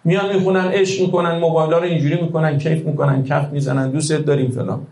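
A man preaching a religious sermon, impassioned and rhetorical, swinging between hushed lines and loud outbursts. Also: on the high side, flat delivery, echoey room, poor audio.

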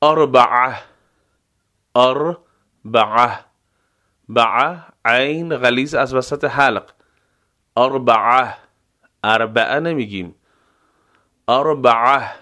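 A man teaching pronunciation as a language lesson, saying single words slowly and repeating them, with quicker explanations in between. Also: mid-range voice, bright, forceful tone. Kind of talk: slow pronunciation drill.

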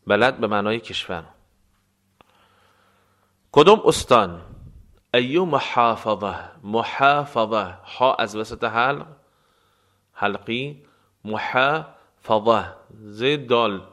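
Man teaching phrases by slow repetition. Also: mid-range voice, fairly bright tone. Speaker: language teacher. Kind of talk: spoken phrase lesson with repetition.

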